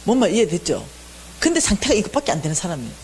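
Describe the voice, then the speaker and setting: A woman's voice: mid-range voice, rapid-fire, a little hiss or hum. A woman in her forties giving a church lecture, telling a family story and acting out every line of dialogue. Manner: animated, acts out dialogue.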